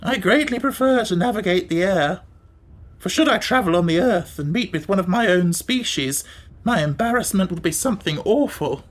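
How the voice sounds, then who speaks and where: A man voicing a huge flying creature with a squeaky voice, speaking in formal, mournful phrasing in an audiobook. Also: animated, moderate pace. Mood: plaintive. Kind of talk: audiobook character voice.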